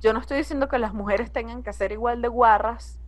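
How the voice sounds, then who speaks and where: A young woman comedian with a Venezuelan accent talks in an easy, conversational way. Her voice sits a little high, and she is blunt, profane and quick with asides. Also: fairly even intonation. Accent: Venezuelan Spanish. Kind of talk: casual podcast conversation.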